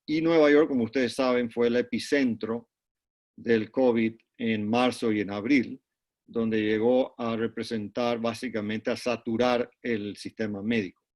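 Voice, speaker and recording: A middle-aged man from Panama, a neurologist, answering interview questions over a video call in a measured way, with frequent restarts and repeated words. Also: mid-range voice, steady tone, a little mellow. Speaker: neurologist and guest. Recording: dull lo-fi call audio.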